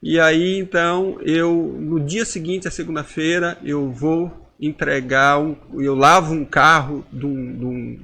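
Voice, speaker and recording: A man's voice: fairly high pitch, steady tone, a little slow, creaky, few pauses, bright, forceful tone. A man in his forties giving an emotional personal testimony as a podcast guest, acting out inner dialogues with intensity. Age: 40s.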